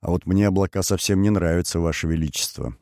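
A man voicing a wary, grave male mercenary colonel in an audiobook, who speaks slowly, measured and deferential. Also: sits low, dark tone, no echo, clean studio sound. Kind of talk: audiobook character voice.

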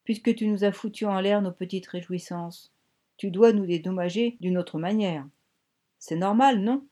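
A woman reading a storybook, voicing a young male gang leader who talks in a crude, taunting falsetto. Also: moderate pace, dark tone, natural voice. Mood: menacing. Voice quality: shrill falsetto.

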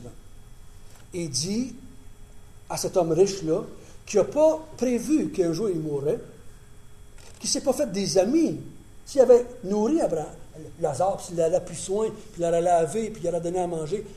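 A man's voice: high-pitched, lively intonation, normal speed, warm tone. A male preacher giving a conversational sermon with emphatic repetition.

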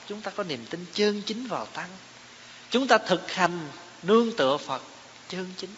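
A man's voice: high voice, a bit bright. A man giving a Buddhist dharma talk, explaining terms and asking his listeners rhetorical questions. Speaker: Buddhist teacher. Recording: echoey hall, dull lo-fi sound, faint hiss.

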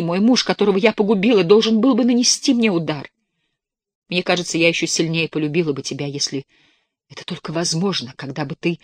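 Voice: medium pitch, no room sound, pitched above the performer's own voice, lightly acted. A reader voicing a remorseful, pleading young woman in a dramatic audiobook reading, tearful and imploring.

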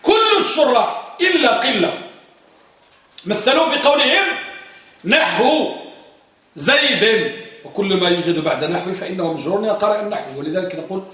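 High-voiced man teaching in an echoey classroom. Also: lively intonation, normal speed, long pauses, bright, forceful tone, recorded from a distance. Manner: quizzes students, drawls and chants examples and verse. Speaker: grammar teacher. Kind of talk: classroom lesson with questions to students.

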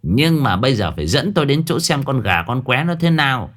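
A man voicing a grumpy middle-aged sorcerer who talks in a low, gruff mutter. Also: sing-song, a little fast, fairly bright tone. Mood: solemn.

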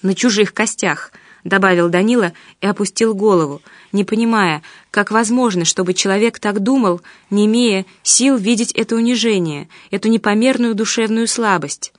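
A woman narrates an audiobook with an even, expressive reading. Her voice sits at a middle pitch for a woman. The recording is dry and close. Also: moderate pace, few pauses, dry recording.

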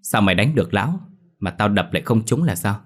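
A man voicing a jittery, easily frightened young village lad who stammers and asks quick questions. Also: fairly low pitch, animated, slightly rough. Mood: bewildered.

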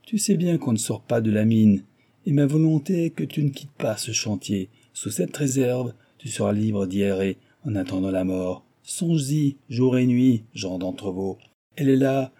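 A man's voice: medium pitch, moderate pace, dark tone, close to an everyday voice. Man doing a cruel gloating young villain. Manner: sneering, cold and menacing.

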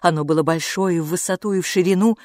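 A woman reading a children's story aloud as narrator, with a lively, expressive delivery. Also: on the low side, fast, no room sound, clean studio sound. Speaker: audiobook narrator. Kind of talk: scripted narration.

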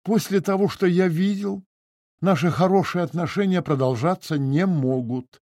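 A man's voice: high-pitched, moderate pace, dark tone, no echo, clean studio sound, voice pushed up. A man reading the part of an aggrieved middle-aged notary, speaking formally and with agitation. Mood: agitated, indignant. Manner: formal, stiffly polite, agitated. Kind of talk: audiobook character reading.

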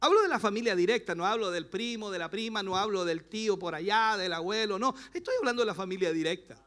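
High-voiced Chilean pastor preaching. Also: male voice, quick pace. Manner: passionate preaching, rising to shouts. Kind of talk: sermon.

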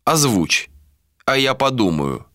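A man playing a proud, hot-tempered lord in an audiobook, barking in a raised, strained voice. The tone comes out bright and sharp, with wide swings in pitch. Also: big pitch swings, slow pace, no room sound, studio quality, heavily acted. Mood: angry.

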